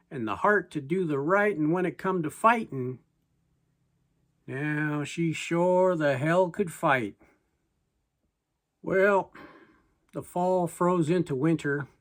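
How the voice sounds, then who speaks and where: In a mid-range voice, a person tells a story in verse, reciting the poem in a folksy manner and pausing deliberately.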